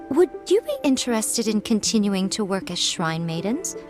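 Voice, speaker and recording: A woman's voice: mid-range voice, sing-song, unhurried, music in the background. A woman voicing a sly, refined head priestess in a video game, with a teasing, smug and elegant manner. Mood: amused, coaxing. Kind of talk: English game voice acting.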